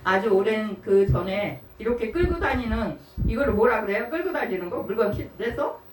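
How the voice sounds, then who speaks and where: A woman's voice: fairly high pitch, lively intonation, moderate pace. A woman in her sixties gives a sermon in a conversational way, telling personal stories, laughing often and asking the congregation questions. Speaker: preacher. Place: church sanctuary. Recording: echoey church hall, mic far off, faint noise.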